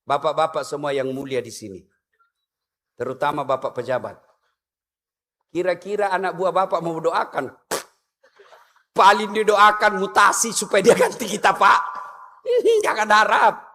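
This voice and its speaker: Man, humorous sermon, sharp tone, long hall reverb. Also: high voice, a little slow, pauses often. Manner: animated, jokes, questions the audience directly. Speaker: preacher.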